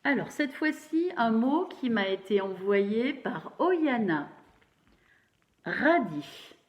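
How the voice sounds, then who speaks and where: Slow, encouraging woman teaching phonics. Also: fairly high pitch, big pitch swings, slight background noise. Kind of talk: phonics lesson for young children. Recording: roomy, dull lo-fi sound.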